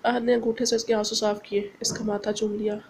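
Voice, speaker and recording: A woman narrating a romance novel aloud at an even, steady pace. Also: mid-range voice, brisk, a little hiss or hum. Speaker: audiobook narrator. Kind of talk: novel reading.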